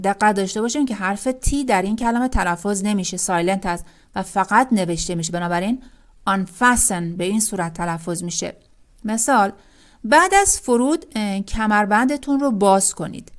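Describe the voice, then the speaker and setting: A woman teaches English vocabulary. She reads each example sentence aloud very slowly and then moves on briskly to explain it. Her voice sits at an ordinary pitch for a woman. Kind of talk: vocabulary lesson.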